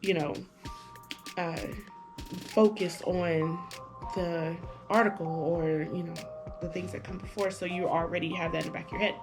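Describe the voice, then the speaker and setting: A language-learning vlogger with a lowish, steady voice reviews an app while talking casually to camera at a moderate pace, leaving long pauses. Chatty and hesitant, she uses lots of fillers and restarts, with music playing in the background.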